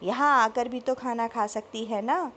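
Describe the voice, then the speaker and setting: A woman voicing an elderly grandmother who dotes on her grandson, speaking slowly and fondly, with a tart edge. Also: fairly high pitch, lively intonation, slight background noise. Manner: slow, drawn-out, fond speech.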